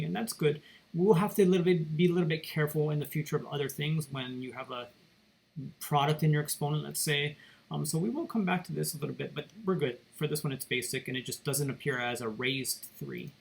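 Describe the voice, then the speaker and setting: Guy teaching math at his computer, kinda gravelly, talks it through as he goes. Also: on the high side, quick pace, poor audio. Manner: casual, thinking aloud, self-correcting. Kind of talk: recorded calculator tutorial lecture. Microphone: computer mic.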